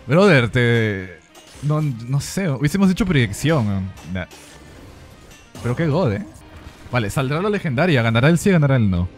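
A Latin American man chatting through a game stream, his voice swinging widely up and down. He gets excited fast, laughs a lot and chants phrases over and over. Faint music plays underneath. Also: medium pitch. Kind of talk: casual gameplay stream chat.

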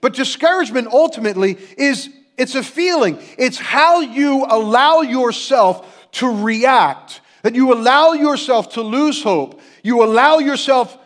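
A middle-aged pastor preaches in a notably high voice for a man. He is earnest and unhurried, slowing down to let key words land. The delivery is a steady sermon to a congregation. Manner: earnest preaching with slow dramatic pauses.

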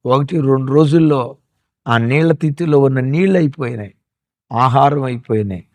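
A man delivers a fervent sermon in a voice of ordinary pitch. He repeats phrases for emphasis and speaks straight to his listeners as brother and sister, slowing for solemn lines. The sound is dry and close, with no room echo. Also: darkish tone. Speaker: pastor.

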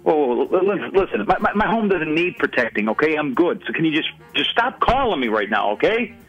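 A man with a high, animated voice who stammers and trips over his own words in exasperation. The call sounds muffled, and faint music plays underneath it. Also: fairly quick. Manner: stammering, exasperated, repeating himself. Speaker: prank call victim.

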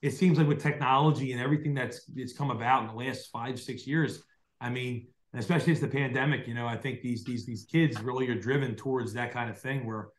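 A young man with a South Jersey accent hosts a casual podcast interview over a video call from a dim home room at night, using a large desk mic. He rambles with lots of fillers and restarts. His mid-range voice is fairly even and a little fast, and the room sounds echoey.

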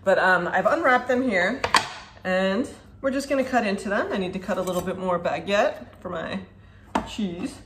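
A woman's voice: mid-range voice, moderate pace, fairly bright tone. A woman in her thirties reviewing food in a home kitchen, talking in a chatty, upbeat way while she demonstrates, recorded by a camera a few feet away. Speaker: food vlogger. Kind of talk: casual product review. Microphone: camera at a distance, standing at a counter. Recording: echoey kitchen with faint ambience.

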